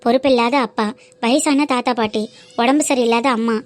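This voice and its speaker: A woman's voice: fairly high pitch, steady tone, no echo, lightly acted. A woman voicing Seetha, a young college student in a cartoon who talks earnestly and firmly about her family. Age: young adult. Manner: earnest, firm and quick-spoken. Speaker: cartoon character. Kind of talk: cartoon voice acting.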